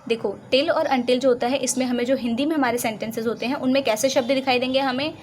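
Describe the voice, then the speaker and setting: A fairly high-voiced woman with an Indian accent teaches English conjunctions, explaining in Hindi. She reads each English example slowly and deliberately, then asks and answers her own questions. A faint hiss sits under the recording. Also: steady tone, poor audio.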